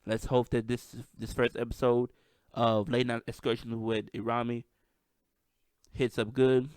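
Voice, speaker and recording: A man's voice: medium pitch, little pitch movement, unhurried, darkish tone, clean tone, dry recording, studio quality. A man with a slight lisp and a stutter, hosting a casual solo podcast, hyped and self-deprecating. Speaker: podcast host. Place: at home with microphone.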